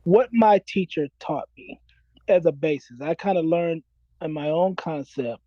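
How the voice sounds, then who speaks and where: A man's voice: fairly high pitch, measured pace, dry recording, muffled recording. A man in his forties, a self-described minister, talking earnestly and preachily in a casual interview and repeating his key phrases. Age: 40s.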